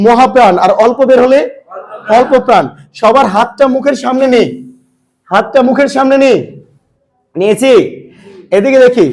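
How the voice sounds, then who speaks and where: A man's voice: very high voice, a little mellow. A man teaching a grammar lesson, asking his students questions and answering them himself.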